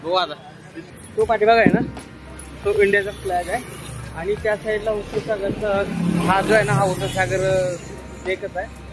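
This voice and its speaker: A man with a high voice vlogs outdoors in the city and rambles on as he explains which way things are. He talks into a phone camera, and clear music plays behind him. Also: fairly even intonation, moderate pace, long pauses, rough recording. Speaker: vlogger. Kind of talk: casual vlog narration.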